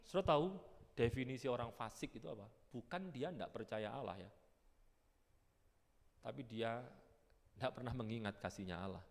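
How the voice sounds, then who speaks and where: A man preaching a sermon, animated and swinging between loud and hushed delivery. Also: mid-range voice, normal speed, vocal fry, pauses often. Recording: echoey church hall.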